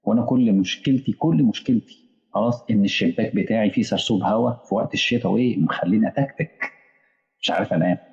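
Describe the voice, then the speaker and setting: A man preaching in an Egyptian accent, his low voice rough with fry as he rushes through his points. He plays out quick exchanges with imagined listeners, taking both sides. The sound is dull and lo-fi, with a long reverb trailing behind him. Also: a little mellow. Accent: Egyptian Arabic. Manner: acts out back-and-forth dialogues with imagined listeners. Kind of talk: colloquial sermon.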